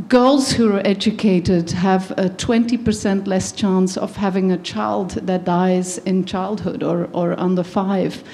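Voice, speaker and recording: A woman's voice: mid-range voice, dark tone. A woman from Belgium giving an earnest faith-based talk on education, with frequent ums and restarts. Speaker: guest speaker.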